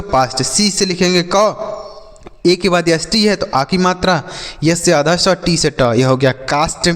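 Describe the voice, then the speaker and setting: A male teacher giving a slow spelling and phonics lesson for children, spelling letters aloud and asking questions before answering them himself. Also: fairly high pitch, a bit bright, in a large hall. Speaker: English teacher.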